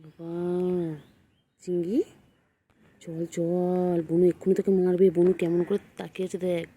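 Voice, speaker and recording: A woman's voice: lowish voice, little pitch movement, a little slow, dark tone. A woman filming her cats outdoors on a phone and cooing to them in sing-song baby talk. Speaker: pet vlogger. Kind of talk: casual vlog, cooing to cats.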